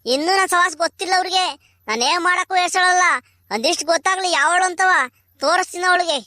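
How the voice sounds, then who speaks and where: Woman doing a shrill scolding cartoon granny. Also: fast, bright, forceful tone, no room sound, clean studio sound. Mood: angry scolding. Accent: rural Karnataka Kannada. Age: older. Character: loud quarrelsome old village grandmother. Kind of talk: cartoon comedy voice acting.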